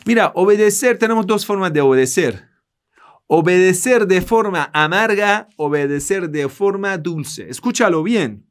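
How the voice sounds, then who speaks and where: An Islamic teacher from Iran, a native Persian speaker with a Persian accent, teaches a religious class in Spanish. His high-pitched voice is expressive and moves at normal speed as he earnestly addresses his listeners.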